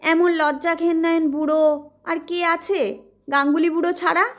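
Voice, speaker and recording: A woman's voice: very high-pitched, little pitch movement, normal speed, a bit bright, pitched above the performer's own voice. A woman voicing an irritable young man who grumbles indignantly. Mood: indignant grumbling.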